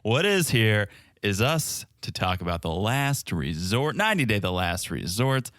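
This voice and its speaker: A man from Connecticut co-hosting a podcast in casual chat, playful and animated, laughing often. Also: on the low side, measured pace, no room sound, studio quality. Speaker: podcast co-host.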